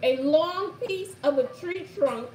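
A high-pitched, slow-talking middle-aged woman with a Brooklyn accent and a darkish tone hosts an informal live word game, playfully stressing repeated phrases. Captured on a distant mic indoors at home by a shuttered window, the audio has a roomy echo and faint background noise.

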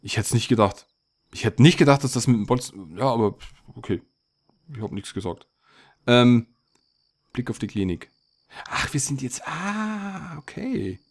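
A man's voice: medium pitch, moderate pace, long pauses. Man, let's play host, thinking aloud, hesitant, casual gameplay talk.

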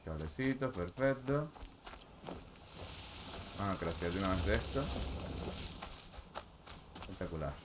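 Excitable man gaming. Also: sits low, unhurried, long pauses, background noise. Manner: excitable, loud exclamations, joking slang. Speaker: gaming channel host. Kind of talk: casual let's-play commentary. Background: loud game music.

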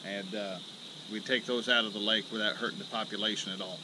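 This Illinois fishing vlogger sits in a small boat on a lake, breathless and thrilled, chatting casually to camera in a rambling, filler-heavy, folksy way. He has a lowish voice and talks fast, recorded on a boat-mounted action camera with heavy wind and water noise around him.

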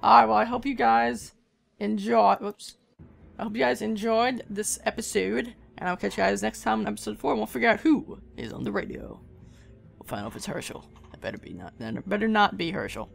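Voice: medium pitch, fairly quick, creaky. A gamer giving casual, jokey let's-play commentary and reacting to the game.

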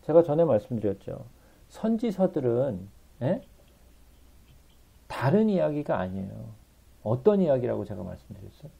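A man's voice: mid-range voice, very animated, normal speed, vocal fry, pauses often, mellow, breathy edge, dull audio. A man giving a Bible study sermon, pleading with emotion and asking his listeners rhetorical questions. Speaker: Bible teacher.

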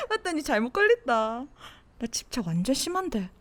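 A woman voicing a cocky, teasing teenage girl classmate in a Gyeongsang dialect, in a whispered role-play with a soft, close-mic delivery. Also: sits high, big pitch swings, unhurried. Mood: playful. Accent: Gyeongsang Korean dialect. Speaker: voice actor.

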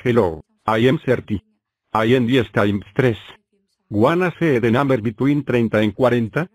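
A woman doing a low cartoon block character. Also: moderate pace, a little mellow, no echo. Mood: cheerful.

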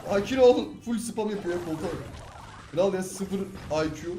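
An excitable young man from Turkey talking over a match he is playing, flipping between loud yelps and muttered grumbles. His voice sits in a middle pitch and sounds a little roomy, with game music playing underneath. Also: moderate pace. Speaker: gaming YouTuber. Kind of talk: live gameplay commentary. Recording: echoey room with game music.

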